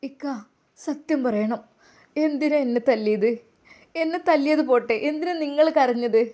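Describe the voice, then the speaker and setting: A woman's voice: high-pitched, normal speed, mellow, natural voice. A woman voicing a wounded young wife, crying and protesting in a dramatized story reading. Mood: tearful. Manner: tearful, protesting.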